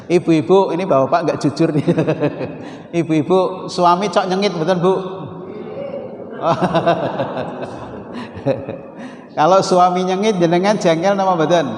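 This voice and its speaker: A man with a Javanese accent preaching a Sunday morning sermon in a mosque, teasing his listeners with questions and repeating key phrases slowly. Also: on the high side, a little mellow. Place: mosque hall. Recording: roomy hall echo with faint noise. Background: congregation laughing from far off.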